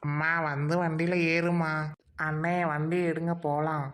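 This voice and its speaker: A woman's voice: low voice, flat delivery, measured pace, very noisy. A woman playing a cheeky young sister-in-law who chimes in eagerly in a comic serial spoof.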